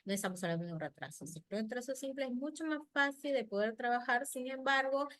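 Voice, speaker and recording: A middle-aged woman, a speech therapist giving a lively health talk on child language. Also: fairly high pitch, quick pace, no echo. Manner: lively, acts out parents' and children's voices.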